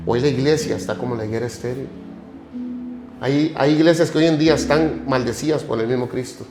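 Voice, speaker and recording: A man hosting a church podcast, preaching fervently and piling up rhetorical questions. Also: medium pitch. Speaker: podcast host. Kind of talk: sermon-like commentary. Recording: echoey room with music behind.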